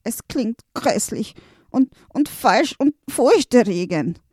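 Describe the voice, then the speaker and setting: A woman plays a small round note creature, male, in a state of panic. He pleads in a high, strained voice, recorded close and dry. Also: expressive, slow, a little mellow, slightly rough, no room sound, full character voice. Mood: panicked. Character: frantic little male quarter-note creature.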